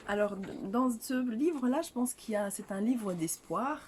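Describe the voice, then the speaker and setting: A woman's voice: a little high, lively intonation, moderate pace, darkish tone, a little hiss or hum. An older woman from Rwanda, an author answering interview questions in a hesitant way, full of fillers and restarts. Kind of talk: casual interview.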